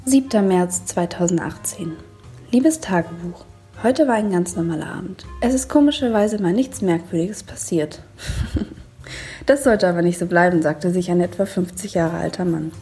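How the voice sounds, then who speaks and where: A woman reads a diary entry aloud in a scripted, matter-of-fact way. Her voice is dark and mellow at a middle pitch. Soft music plays faintly underneath. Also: normal speed. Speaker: diary columnist.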